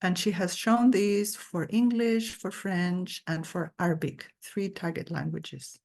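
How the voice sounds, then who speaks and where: Low-voiced woman giving an academic talk. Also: fairly even intonation, measured pace, gravelly, darkish tone. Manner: earnest, thoughtful explaining. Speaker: guest lecturer. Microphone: video call.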